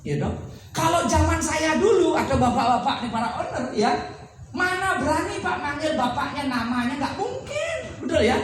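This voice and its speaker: A man from Bali, a lecturer and campus owner, giving a seminar talk to business owners, telling stories with lively acted-out dialogue and jokes. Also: extremely high pitch, moderate pace. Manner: animated storytelling, acts out dialogue, jokes with the audience. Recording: echoey hall, speaker far from the mic, faint noise.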